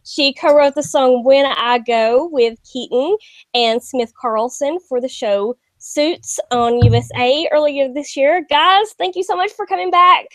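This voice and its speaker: Bubbly high-voiced Southern woman host. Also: a little slow, dry recording. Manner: bubbly, laughs often. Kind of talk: casual interview.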